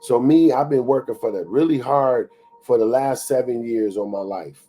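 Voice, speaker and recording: A man's voice: mid-range voice, moderate pace, mellow, soft background music. A man in his thirties hosting a motivational talk. His delivery is preachy and conversational, and he repeats phrases for emphasis. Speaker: show host.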